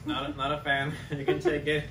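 A man's voice: on the high side, completely flat delivery, a little fast, fairly bright tone. A young man announcing snacks and joking with friends, slipping in some Spanish. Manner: playful, mixes in Spanish. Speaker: co-host. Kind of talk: casual group snack tasting. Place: small room at a table, indoors. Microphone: far camera. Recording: echoey room from far off, noisy.

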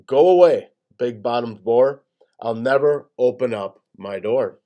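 A man's voice: mid-range voice, unhurried, lo-fi sound, lightly acted. A man voicing the laziest young male gator, cocky and offhand, in a storybook reading. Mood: defiant.

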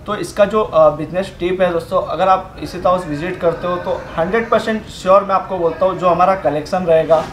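Here a young man, his voice a touch high, explains the fabrics and work of sarees as a product demonstration. He pitches steadily but pauses on fillers. The indoor showroom gives an echoey sound over a faint hum.

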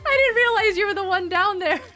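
An extremely high, bright, forceful voice belongs to a middle-aged woman hosting a game livestream on a headset mic. While playing, she chats casually, laughs, and names viewers as she greets them. She is also a homeschooling parent.

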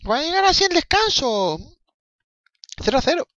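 A young man from the Canary Islands commentating his own football video game on a live stream, rambling and excitable with swearing and laughing asides. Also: very high-pitched, moderate pace, dry recording, dull audio.

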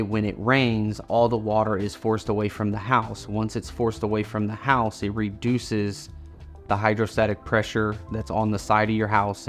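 A man in his thirties with a Midwestern American accent, a foundation repair expert explaining things in a plain-spoken interview in an office. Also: on the low side. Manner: plain-spoken, repeats words when restarting. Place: indoor office with whiteboard.

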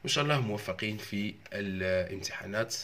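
A young man with an Algerian Arabic accent teaching English. He says the English words slowly and clearly, then explains them quickly in Arabic. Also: on the low side, fairly bright tone, slight background noise. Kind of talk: exam walkthrough lesson.

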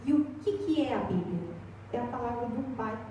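A woman's voice: fairly high pitch, expressive, moderate pace, dark tone, dull audio, a little hiss or hum. A young Brazilian woman preaching a sermon in a church, chatty and storytelling, recorded from far off in an echoey hall. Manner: chatty storytelling, acts out voices.

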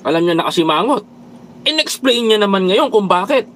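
A man's voice: sits high, expressive, fairly quick, a bit bright, slight background noise, low-quality recording. A man from the Philippines doing a casual political commentary livestream, preaching to his viewers, reading their comments and dropping English phrases into his talk. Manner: preachy, repeatedly addresses viewers as brothers and countrymen.

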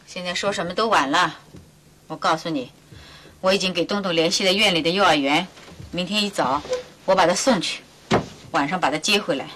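An actress playing a proud, educated elder sister who speaks firmly and lectures. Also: female voice, fairly low pitch, brisk, long pauses, bright, forceful tone, a little hiss or hum. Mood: stern lecturing. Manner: firm, lecturing, decisive. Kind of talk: 1990s TV drama acting.

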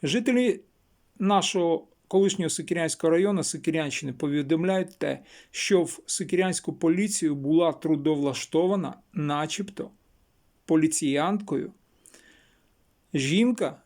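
A man from western Ukraine speaks in a fairly high voice as a local blogger. He is insistent and repeats phrases to drive home each point. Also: moderate pace, darkish tone. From Chernivtsi region, Ukraine. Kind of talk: emphatic local news vlog.

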